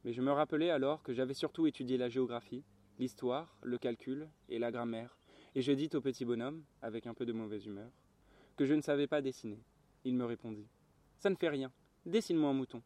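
Male audiobook reader, mellow and unhurried, in a garden. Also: mid-range voice. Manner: calm, measured reading. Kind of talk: audiobook narration. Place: garden, outdoors.

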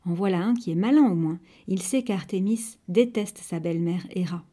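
A grumbling old teacher, put on by a woman reading a storybook, muttering dry remarks under his breath. The voice is pushed lower and softer than her narration, and the tone stays warm and mellow. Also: normal speed, lightly acted. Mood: wry.

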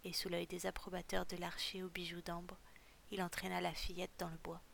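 A woman narrating an audiobook story in a steady, even storytelling manner. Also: on the low side, fairly quick, creaky, a little hiss or hum.

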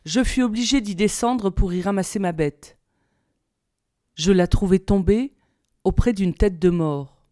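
A woman reading a short story aloud in a measured, expressive way. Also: mid-range voice, dry recording, studio quality. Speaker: reader.

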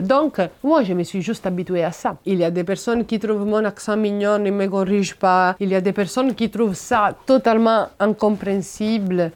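A woman from Naples with an Italian accent, her native language, speaking as a podcast guest in an animated way, repeating words and hesitating often. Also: mid-range voice. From Naples, Italy. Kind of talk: conversational interview.

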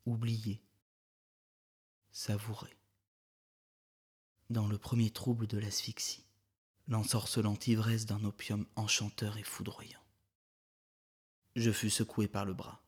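A man narrating a short story in a measured, even literary reading. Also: on the low side, breathy edge.

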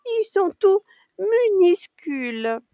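A woman voicing a small, excited little girl starting preschool, in a high childlike voice. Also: a little slow, slightly rough, no echo, clean studio sound, full character voice. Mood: eager.

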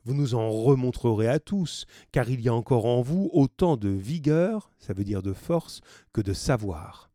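A man reading the part of an ambitious ship's mate, earnest and flattering. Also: mid-range voice, measured pace, few pauses, dry recording, studio quality, close to an everyday voice.

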